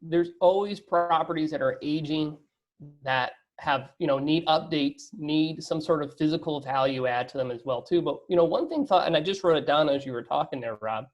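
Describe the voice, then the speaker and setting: A real estate fund operator answers as a guest in a business interview, talkative and explanatory, often checking that he's understood. His fairly high voice moves at a moderate pace, with the highs cut off.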